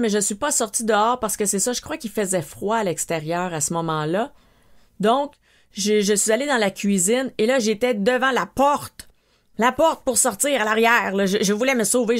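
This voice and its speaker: A woman with a Québécois French accent, hosting a podcast and telling a personal story, animatedly acting out her own frightened exclamations. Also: medium pitch. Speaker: podcast host.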